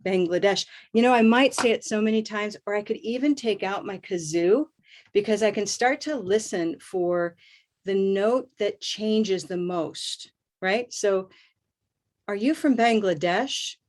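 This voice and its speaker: A woman's voice: mid-range voice, darkish tone. Upbeat woman teaching pronunciation. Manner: upbeat, drills words by repeating them slowly. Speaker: host and English pronunciation teacher. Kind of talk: live online pronunciation lesson.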